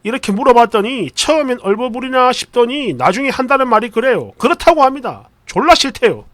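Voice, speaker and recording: A man's voice: extremely high pitch, sing-song, fairly quick, fairly bright tone, no room sound. A man hosting a channel, reading an online post aloud and dropping wry asides. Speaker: host reading viewer stories.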